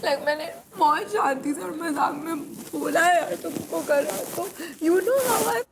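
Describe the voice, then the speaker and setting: High-voiced woman in a heated argument. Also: a little slow, background noise. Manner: confrontational, emotional, mixes English and Hindi. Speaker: reality show contestant.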